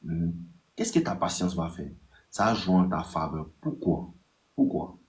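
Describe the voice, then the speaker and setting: Animated Ivorian man giving dating advice. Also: unhurried. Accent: Ivorian French. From Ivory Coast. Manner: animated, acts out text exchanges in a higher voice; repetitive, addresses listeners directly. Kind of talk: casual live advice talk.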